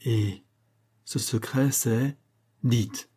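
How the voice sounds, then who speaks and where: A man's voice: mid-range voice, fairly even intonation, extremely slow, warm tone, breathy edge. A man reading the part of a young queen who pleads and prays with fervor in an audiobook. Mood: tense. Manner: pleading, fervent. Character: young queen, anguished and devout.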